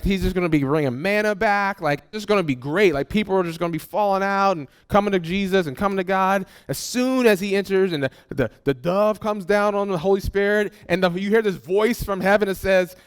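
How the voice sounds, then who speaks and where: A male pastor preaching in a casual, conversational way, speaking straight to his congregation. His voice sits a little high for a man. He repeats words as he restarts his thoughts. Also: a little fast, hardly any pauses, clean tone. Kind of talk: sermon.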